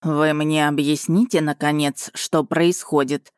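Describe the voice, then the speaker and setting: A woman's voice: low voice, flat delivery, unhurried, clean tone, no room sound, clean studio sound. Woman reading as a plaintive royal advisor. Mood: restrained. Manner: plaintive, restrained. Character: plaintive, put-upon male royal advisor.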